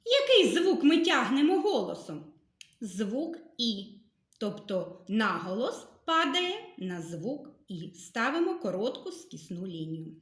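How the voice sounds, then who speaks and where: A woman teacher giving a literacy lesson to young children, patiently sounding out letters and syllables with careful, gentle instructions. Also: on the high side, big pitch swings, takes it slowly, reverberant.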